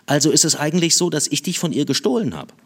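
A man reading aloud, voicing a restless, teasing young boy with a raised, quick voice. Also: animated, husky. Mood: teasing, probing. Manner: quick, raised boyish pitch. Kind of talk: audiobook reading.

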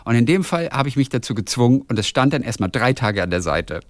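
A male podcast host chats casually and tells stories with lots of melody in his voice. His delivery is animated, and he reads listener messages aloud. The recording is close and dry, with no room sound. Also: mid-range voice, quick pace, no room sound. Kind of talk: casual chat.

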